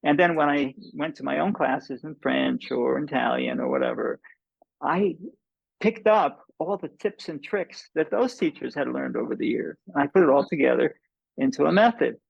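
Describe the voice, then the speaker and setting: A man in his seventies from the United States explaining casually and deliberately, repeating words and restarting phrases. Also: mid-range voice, animated, creaky, breathy edge, no echo, lo-fi sound. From United States, born in New York. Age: 70s. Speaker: polyglot language mentor and guest.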